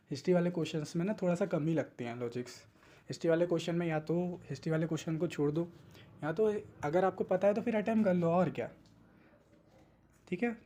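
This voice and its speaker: A young man teaching exam tricks in a casual, coaxing lesson, often slipping into English and reading statements aloud slowly. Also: on the high side, warm tone. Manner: chatty, coaxing, mixes English words and reads English statements slowly. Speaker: exam coaching tutor. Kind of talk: informal exam-tips lesson.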